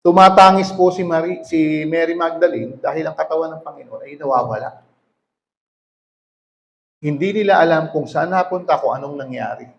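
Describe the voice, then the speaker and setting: Male preacher, high voice, reads scripture then explains it plainly, pauses to check in with listeners. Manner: reads verses aloud then explains them, asking "okay?". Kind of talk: sermon reading and explaining scripture.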